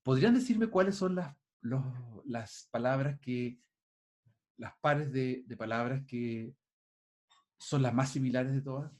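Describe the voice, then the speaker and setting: A man's voice: medium pitch, a little slow, a little mellow. A male teacher giving an online class over a video call, thinking aloud with frequent restarts and putting questions to his students.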